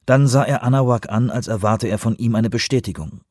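A man reading a novel aloud as an audiobook narrator, in measured storytelling. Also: medium pitch, darkish tone, dry recording, clean studio sound. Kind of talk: scripted narration.

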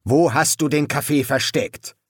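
A male audiobook reader voicing a gloomy vampire soldier who talks in a cold, clipped way and sometimes bursts out shouting. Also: on the high side, a little slow, slightly rough, no echo, studio quality, voice pushed up. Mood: menacing. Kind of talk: audiobook character voice.

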